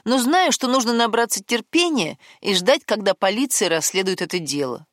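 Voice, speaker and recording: In a studio-quality recording with no room sound, a woman narrates an audiobook in a natural, mid-range voice with lively intonation and a moderate pace. She pitches it above her own voice to play a guarded man keeping a secret, swinging between coaxing and defensive.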